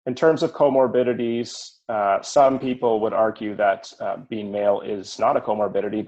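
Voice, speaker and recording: A man with a somewhat low voice walks through slides in a measured lecture, with frequent fillers. He is heard over a video call. His audio keeps cutting out, so the volume is uneven and keeps rising and falling. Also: darkish tone, breathy edge, rough recording. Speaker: presenter at a medical case review.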